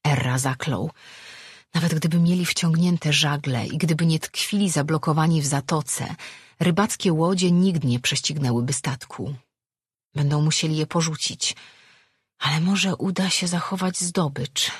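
A narrator reading a fantasy novel aloud in a steady storytelling manner. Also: medium pitch, a little slow, slightly rough, dry recording, clean studio sound. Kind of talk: audiobook narration.

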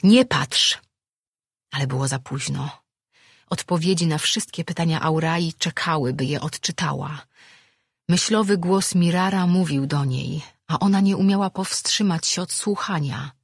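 An audiobook narrator reading a fantasy novel with a steady, even delivery. The voice is husky and mid-pitched. It sounds close and dry. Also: normal speed, no room sound. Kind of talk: scripted narration.

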